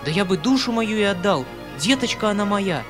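An emotional, soft-hearted old uncle who pleads and exclaims, as a male audiobook reader puts him on. The voice sits a little high, and faint music plays under the reading. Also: lively intonation, brisk. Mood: heartfelt. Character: emotional kindly older male uncle, anxious.

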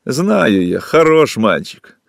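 A man reading aloud and voicing a coarse, drunk woman who mocks and shouts, short of breath. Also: medium pitch, big pitch swings, slow, gravelly, dry recording, studio quality, full character voice. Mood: scornful. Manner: shouting, mocking, contemptuous.

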